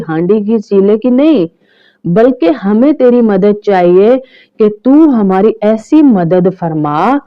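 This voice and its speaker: A woman teaching recitation step by step, chanting the verses slowly and drawn out, then explaining each point briskly with rising emphasis. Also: mid-range voice, muffled recording. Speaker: religious teacher.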